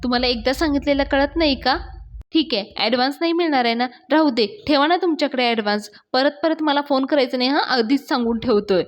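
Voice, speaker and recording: A woman's voice: high voice, quick pace, lightly acted. A woman doing a scheming young man, falsely earnest. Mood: irritated phone call.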